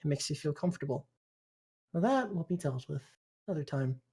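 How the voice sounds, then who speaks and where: A game master improvising tabletop game narration in an informal, halting way, mixed with casual chat. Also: mid-range voice, animated, vocal fry, dark tone, slightly rough.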